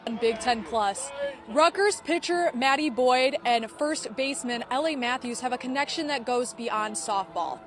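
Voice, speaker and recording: A female sideline reporter reads a polished, scripted feature segment. Her voice is high-pitched, and faint music plays under her. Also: moderate pace.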